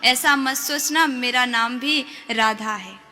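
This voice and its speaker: A woman doing a gentle caring goddess. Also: sits high, slow, faint music behind, exaggerated voice. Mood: coaxing. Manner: gentle, coaxing. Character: divine young woman, caring, playful.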